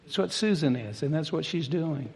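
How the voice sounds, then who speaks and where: An older man delivers a sermon from the pulpit, his voice sitting a little higher than most men's. He preaches in a folksy, conversational way, and the sound rings with the long reverb of a big hall. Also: animated, moderate pace, vocal fry, a little mellow. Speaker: pastor.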